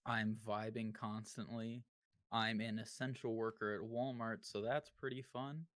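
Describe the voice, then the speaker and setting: A man's voice: lowish voice, level tone, a little slow, a bit bright, dry recording, clean studio sound. A man who grew up in Japan, giving a casual, self-deprecating introduction on a podcast. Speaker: podcast guest.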